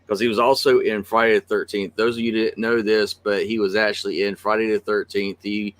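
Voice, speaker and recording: A man co-hosting a casual podcast, an animated storyteller who laughs often. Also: on the low side, fairly quick, dry recording. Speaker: podcast co-host.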